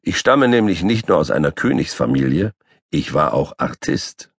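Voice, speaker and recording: Boastful tomcat narrator, voiced by a man; very low, husky, dry close studio sound. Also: moderate pace, no room sound. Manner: boastful, grumpy, lively. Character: boastful noble three-legged tomcat, ex-circus artist. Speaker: audiobook narrator. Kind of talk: children's audiobook narration. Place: recording studio. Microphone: close studio mic.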